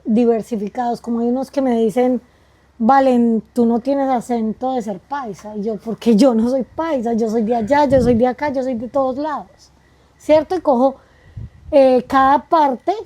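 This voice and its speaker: A Colombian woman with a fairly high but dark-toned voice speaks reflectively as a guest in a conversation. Her manner is spiritual and musing, with quick asides and rhetorical questions tacked onto her points.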